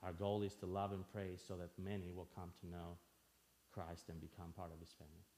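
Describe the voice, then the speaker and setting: A man's voice: deep voice, little pitch movement, a little fast, mellow. A man from Albania preaching a sermon in church, earnest, asking the listeners questions and repeating phrases for emphasis.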